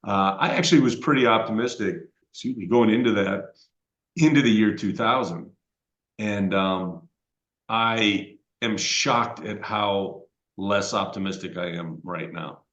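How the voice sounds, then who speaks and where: A man's voice: lowish voice, a little slow, a bit bright. A man in his fifties, podcast co-host, chatting casually and reflectively with many fillers. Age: 50s. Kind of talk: casual chat. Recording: echoey room, dull lo-fi sound.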